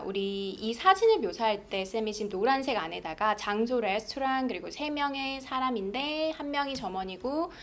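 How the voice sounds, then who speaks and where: A woman's voice: on the high side, slight background noise. Korean woman teaching English test prep. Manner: frequent "자" cues, reads English lines slowly for stress drills. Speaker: English speaking test instructor. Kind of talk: slide-based exam lesson.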